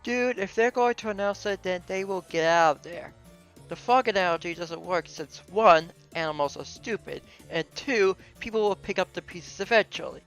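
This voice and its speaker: A man's voice: sits high, normal speed, fairly bright tone, faint music behind. A man reading a scripted rebuttal as a commentator responding to a video.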